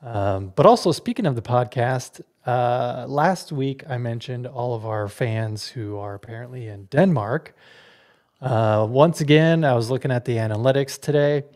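A man co-hosting a laid-back podcast, chatting with listeners in a friendly, rambling way. He slips small laughs into his sentences. His pitch sits in an ordinary middle range. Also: moderate pace, darkish tone. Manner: chatty, laughs between words. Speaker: podcast co-host. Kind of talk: casual podcast chat.

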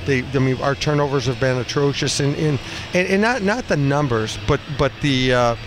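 In a cramped cinder-block room at a rink, steady arena noise fills the background as a hockey coach in his fifties answers postgame questions off the cuff. Talking at medium pitch into a headset boom mic, he is blunt, stop-start, and prone to repeating phrases.

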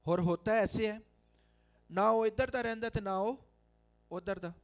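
A middle-aged Pakistani pastor with a Pakistani Urdu accent, preaching a sermon into a handheld mic in a large church hall, with emphatic calls to the congregation. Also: male voice, high-pitched, measured pace. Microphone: handheld microphone.

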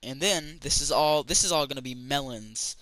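A man's voice: mid-range voice, moderate pace, fairly bright tone, rough recording. A man chatting casually as he plays a building game for his channel, rambling with lots of fillers and restarts. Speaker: gaming channel host. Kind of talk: casual let's-play commentary.

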